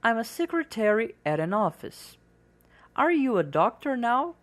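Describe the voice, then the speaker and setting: A woman's voice: on the high side, sing-song. A woman reading a friendly woman catching up. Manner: slow, carefully pronounced English dialogue reading. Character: woman chatting with an old friend.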